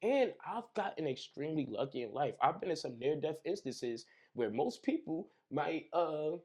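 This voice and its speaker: A man's voice: on the high side, moderate pace. Young man telling wild stories, slang-heavy. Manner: animated storyteller, heavy slang, acts out scenes with sound effects. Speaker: podcast guest. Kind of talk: casual conversation over drinks.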